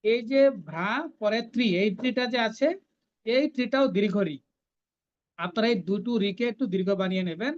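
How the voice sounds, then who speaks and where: A woman teaching a scripture recitation class, chanting each verse slowly and then explaining how to pronounce it. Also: mid-range voice, darkish tone, highs cut off.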